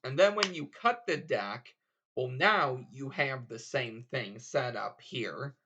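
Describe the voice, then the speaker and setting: A man's voice: mid-range voice, lively intonation, takes it slowly, bright, forceful tone, breathy edge, lo-fi sound. A man presenting a casual card trick tutorial, explaining step by step in an informal way.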